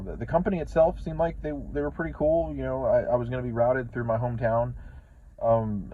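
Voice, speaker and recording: A man's voice: medium pitch, dull audio, a little hiss or hum. A man, a truck driver, talking casually in a rambling vlog, repeating words and swearing often.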